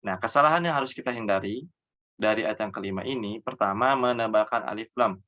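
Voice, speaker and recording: A man teaching Quran recitation rules, explaining each mistake, then reciting the words slowly and drawn out, dropping softly at the ends of phrases. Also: fairly low pitch, dull audio. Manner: trails off softly after each example. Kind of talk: tajwid lesson with slow demonstration recitation.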